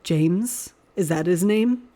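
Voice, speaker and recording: A woman voicing a male priest with a low, rumbling, growling voice, soft and restrained. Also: slow. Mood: low, tender.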